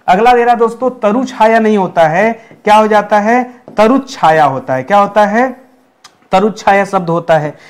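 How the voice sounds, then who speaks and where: Male exam tutor, high voice, keeps asking the class which form is right, slows down to spell out the hard words. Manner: repeats questions to the class, addresses viewers as friends; drills each word slowly, syllable by syllable. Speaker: Hindi exam teacher. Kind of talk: spoken spelling lesson.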